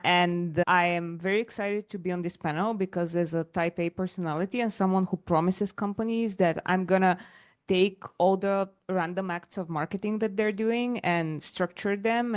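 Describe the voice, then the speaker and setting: Woman on a marketing panel, dry jokey tone, lowish voice. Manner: wry, brisk, playful. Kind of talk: panel discussion.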